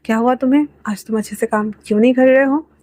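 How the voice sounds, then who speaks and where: A woman's voice: a little high, fairly even intonation, quick pace, warm tone, no echo, natural voice. A woman voicing a stern, curt male film director scolding a worker.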